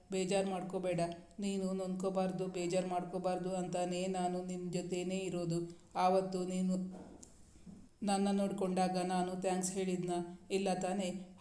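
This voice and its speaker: A man voicing a caring young husband who gently and stubbornly comforts his injured wife in a storybook reading. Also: high voice, echoey room, lightly acted. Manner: soft, coaxing reassurance.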